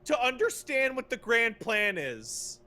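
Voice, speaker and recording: An extremely high-pitched man with huge pitch swings and a sharp tone co-hosts a podcast, speaking a little slowly. He rants casually and profanely about video game plots, emphatic and exasperated.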